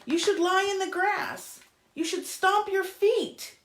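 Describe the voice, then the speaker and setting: Lady doing chirpy pushy animals from a picture book, way up high and sing-songy, echoey room. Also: takes it slowly, slight background noise. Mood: insistent. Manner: insistent, chirpy. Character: cheerful, pushy storybook animals giving advice.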